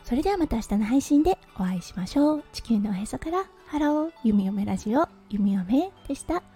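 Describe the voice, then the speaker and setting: A Japanese woman hosts her casual solo audio show in a very mellow, slightly husky voice, pitched a little high. She talks in a chatty way, sprinkling in little fillers, with faint music playing behind her. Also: big pitch swings, fairly quick. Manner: chatty, frequent "ne" and "hai" fillers. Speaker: podcast host. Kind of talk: casual solo radio talk.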